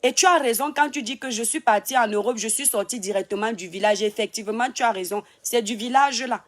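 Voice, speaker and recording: A woman's voice: fairly high pitch, fairly quick. A woman from Cameroon with a Cameroonian French accent, hosting a casual live stream from home, talking straight to viewers and mocking a critic between laughs. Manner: teasing, scolding and laughing at a critic. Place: home in Europe.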